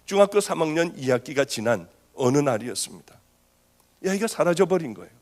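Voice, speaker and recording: A woman's voice: low-pitched, big pitch swings, fairly quick, darkish tone. A woman pastor giving a sermon testimony, telling her story with strong feeling and a voice that rises when she grows agitated.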